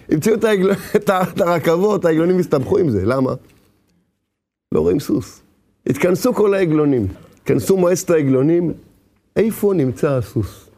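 A man giving a sermon, moving between loud, high preaching and quiet, low storytelling, acting out stories with sound effects and voices, and sometimes breaking into song. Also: lively intonation, long pauses. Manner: breaks into singing.

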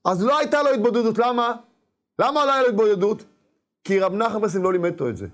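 Animated man preaching, high voice. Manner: animated, acts out inner voices and calls out. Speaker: rabbi. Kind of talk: sermon.

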